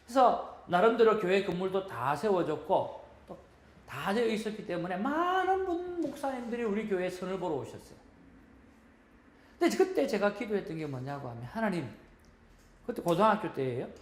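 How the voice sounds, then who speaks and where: A woman's voice: mid-range voice, big pitch swings, moderate pace, echoey room. A woman teaching at a church seminar, telling stories and earnestly urging her audience. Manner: earnest, storytelling, exhorting the audience. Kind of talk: teaching sermon.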